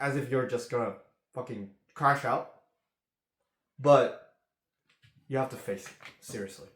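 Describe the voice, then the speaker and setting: A relationship coach speaks slowly and earnestly in a coaching monologue, repeatedly checking in with "okay?". His voice is fairly high-pitched and reverberant.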